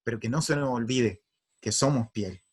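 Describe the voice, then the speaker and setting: A man's voice: medium pitch, moderate pace, husky. A man giving an earnest, emphatic spiritual talk. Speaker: spiritual speaker.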